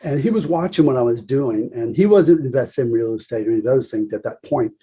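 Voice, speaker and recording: A middle-aged man speaks as a podcast guest, his voice dark and mellow with a husky edge. He tells stories in a lively way and jumps into the voices of the people he quotes. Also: medium pitch, brisk. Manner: lively anecdotal storytelling, acts out quoted voices. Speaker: podcast guest, salon owner. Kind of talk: storytelling interview.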